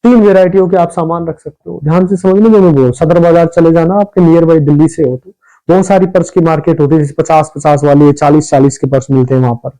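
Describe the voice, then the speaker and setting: A man hosting a business ideas channel, giving casual advice in a rapid, repetitive way and calling his viewers brother. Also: fairly high pitch, fairly even intonation, mellow, rough recording. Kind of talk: casual advice talk to camera.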